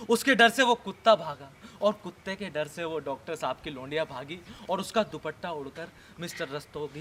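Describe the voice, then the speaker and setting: A man playing a fussy neighbor in a comedy sketch, recounting complaints in a long-winded way with a high, bright, sharp voice. Faint noise hums behind him. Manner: long-winded, patiently repeating himself.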